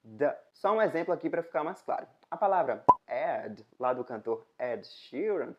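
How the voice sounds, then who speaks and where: A woman from Brazil with a Brazilian Portuguese accent, teaching in a casual video lesson, explaining step by step and slowly repeating example words. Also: deep voice, animated, highs cut off, background noise. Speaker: English teacher.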